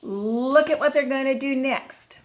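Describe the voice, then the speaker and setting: A woman reads a children's picture book aloud at a very unhurried pace. Her voice is high and bright, and it swoops through a wide, animated range as she leans into every line. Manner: slow, expressive reading with animal noises. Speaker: storyteller.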